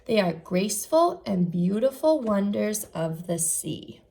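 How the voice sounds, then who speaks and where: With a warm, gravelly, mid-range voice that rises and falls sharply, a first-grade teacher reads aloud to young children a little slowly. Her delivery is instructional and carefully enunciated, and she keeps asking the kids questions.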